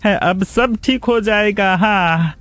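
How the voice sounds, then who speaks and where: A man's voice: sits high, slow pace, a bit bright, voice pushed up. A man voicing an anxious young husband in a cartoon, pleading and eager to please. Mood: relieved. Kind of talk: cartoon voice acting.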